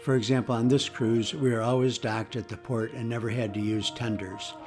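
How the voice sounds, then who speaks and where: A man narrating a travel video in a steady, informative scripted voice-over. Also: medium pitch, moderate pace, over music. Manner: even, informative. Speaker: travel vlogger.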